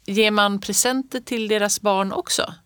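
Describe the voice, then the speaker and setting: A woman's voice: medium pitch, steady tone, fairly bright tone, smooth, dry recording, studio quality, natural voice. Woman reading a curious young boy. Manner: eager questioning.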